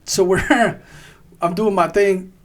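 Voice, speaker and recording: A man casually telling a rowdy army story on a podcast, swearing often and laughing as he acts out shouted quotes. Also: high-pitched, fairly even intonation, slow. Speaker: podcast co-host, army veteran.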